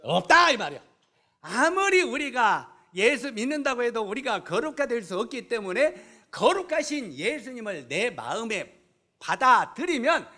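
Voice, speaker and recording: High, lively preacher. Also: male voice. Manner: asks the congregation questions and answers them himself. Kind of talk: sermon.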